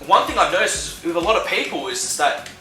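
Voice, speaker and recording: A man's voice: high-pitched, big pitch swings, fast, bright, forceful tone. A young man with an Australian accent giving casual fitness advice, laid-back and full of slang and fillers. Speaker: fitness vlogger. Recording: echoey room with faint music.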